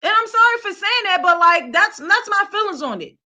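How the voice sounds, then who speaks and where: Young philly woman hosting her channel, bright sharp voice, loose street slang, cusses a lot. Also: extremely high pitch, big pitch swings, brisk. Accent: Philadelphia. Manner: blunt, swears freely, street slang; reads viewer comments aloud. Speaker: podcast host and vlogger. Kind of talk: casual rant to camera.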